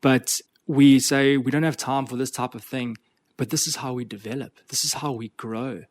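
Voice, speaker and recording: A man's voice: medium pitch, fairly even intonation, normal speed. A man who works as a coach, guest on a podcast interview, talking in an earnest, motivational way and often repeating words as he thinks. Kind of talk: conversational interview.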